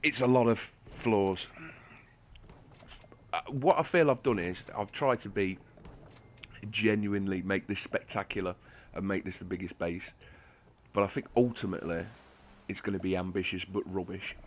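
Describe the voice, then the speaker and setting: A man talks over game footage in a dry, self-deprecating ramble, his voice sitting on the low side. A slight lisp from a sore tooth shows in his speech. He sounds like a home gaming channel host. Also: moderate pace, pauses often. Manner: sarcastic, self-mocking, rambling. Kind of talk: gameplay commentary.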